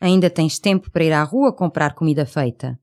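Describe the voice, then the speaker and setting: Female language-course reader, European Portuguese, slightly low register, careful scripted delivery. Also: brisk, darkish tone. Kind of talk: scripted language-lesson dialogue.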